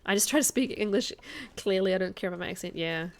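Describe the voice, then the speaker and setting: A woman with a mild New Zealand accent chats casually and jokily while livestreaming a game. Her mid-range voice moves fast over the gameplay.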